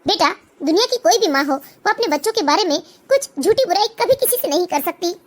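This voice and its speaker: A woman voicing a kind, trusting middle-aged mother-in-law in a cartoon, with gentle, soft-hearted speech. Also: extremely high pitch, expressive, a little fast. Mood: hurt. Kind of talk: cartoon voice acting.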